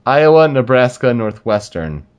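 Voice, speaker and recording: A man co-hosting a casual sports talk show, making relaxed, talkative predictions about college football. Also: medium pitch, measured pace, smooth. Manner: relaxed, talkative, spells out names. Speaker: sports podcast co-host.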